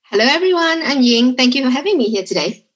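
A digital agency director with a Singaporean accent speaks as an expert podcast guest. Her high voice is expressive and she talks fast, explaining things in a conversational way.

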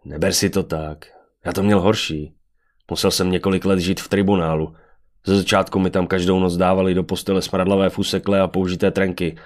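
A man's voice: sits low, flat delivery, lightly acted. A man voicing a wry, teasing young man in a fantasy audiobook.

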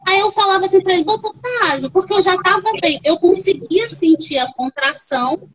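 A young woman with a Brazilian Portuguese accent, a podcast guest telling her own story in a casual, animated way and acting out the voices of others. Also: extremely high pitch, a little fast, poor audio.

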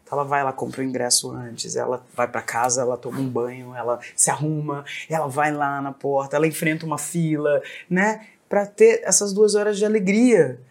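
A woman's voice: extremely low pitch, brisk, hardly any pauses. A middle-aged woman with a Brazilian accent, a singer telling stories in a casual podcast chat, acting out the voices of the people she quotes and often tagging her lines with "né" and "assim". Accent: Brazilian Portuguese. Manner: animated, acts out quoted dialogue, frequent "né" and "assim". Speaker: guest singer.

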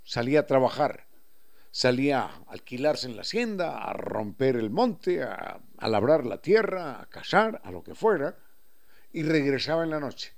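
A man with an Ecuadorian highland accent giving a reflective radio talk, explaining things with examples and acting out local turns of phrase. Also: sing-song, unhurried, gravelly. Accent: Ecuadorian highland Spanish.

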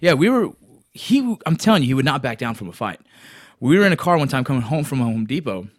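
A man and father, a podcast guest, telling animated stories in casual chat with many restarts. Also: medium pitch, quick pace, no room sound, clean studio sound. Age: adult father.

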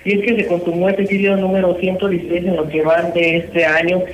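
A man's voice: sits high, level tone, quick pace, roomy sound, slight background noise. Man on a phone held away, hollow. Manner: formal, wordy reporting. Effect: phone held away, hollow speakerphone sound. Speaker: police news reporter. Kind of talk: news report by phone. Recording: hollow distant phone line.

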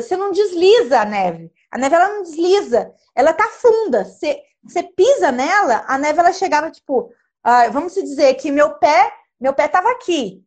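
A young woman telling a dramatic personal travel story in casual, animated chat. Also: high-pitched. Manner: lively, animated, dramatic retelling with gestures.

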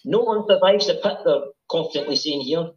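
A man with a somewhat high voice talks a little fast as a guest in a casual chat, remarking on an episode as they watch it together. He hesitates in an easygoing way, and the recording sounds roomy and dull.

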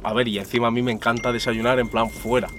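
A man's voice: medium pitch, quick pace, a little hiss or hum. A young man from Spain, an interview guest chatting casually in a car, using lots of street slang and calling the host brother and cousin. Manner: relaxed street slang, says "hermano" and "primo" constantly.

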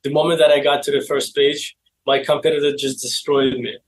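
A man in his twenties from Azerbaijan with an Azerbaijani accent, speaking halting non-native English as he tells his story casually in an interview. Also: a little high, level tone, a little hiss or hum, poor audio. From Baku, Azerbaijan. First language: not English. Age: 20s. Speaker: interview guest, e-commerce seller.

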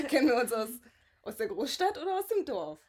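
Young woman podcast co-host, early twenties, slightly high voice, loud, giggly and outgoing. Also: sing-song, normal speed. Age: 20s. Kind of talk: casual chat.

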